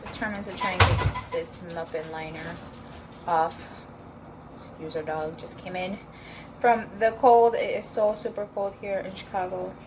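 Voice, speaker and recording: A woman's voice: fairly low pitch, steady tone, measured pace, noisy background. A woman chatting casually in a home cooking vlog, upbeat and rambling with fillers, at times talking while she eats. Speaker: vlogger.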